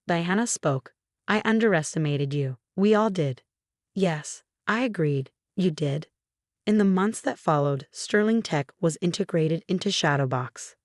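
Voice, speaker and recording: A woman narrating a first-person revenge story in a calm, even delivery. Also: lowish voice, no echo, studio quality.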